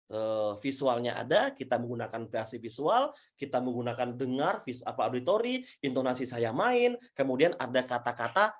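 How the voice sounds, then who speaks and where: A man coaching public speaking, answering audience questions in an energetic, emphatic way, often restarting sentences and building points step by step. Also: mid-range voice, normal speed, hardly any pauses. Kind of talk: Q&A teaching session.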